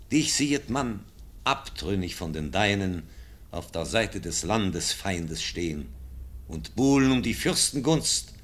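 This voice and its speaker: In a classic radio play, an older actor with a low-pitched, full character voice plays an old, dying nobleman. Solemn and pleading, he begs his nephew, swinging from loud to hushed.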